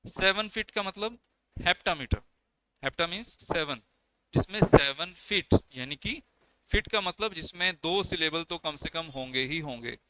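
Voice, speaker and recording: A man's voice: on the high side, lively intonation, a little slow, sharp tone, slight background noise, poor audio. A young man teaching an exam-prep class on poetry, explaining step by step and counting syllables aloud, with as his on terms. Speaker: English lecturer. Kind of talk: exam coaching lecture.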